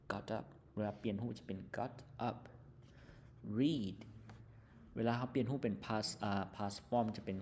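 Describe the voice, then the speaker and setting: A male teacher with a Lao accent explaining an English textbook lesson, reading English words slowly, then explaining them quickly with many fillers. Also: fairly low pitch, darkish tone, a little hiss or hum.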